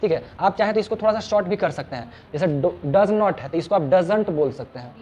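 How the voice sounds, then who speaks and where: A man's voice: high-pitched, expressive, a little fast, a little mellow, dull audio, slight background noise. A man teaching English grammar informally in a small classroom, chatty and joking, often repeating his words. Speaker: English tutor.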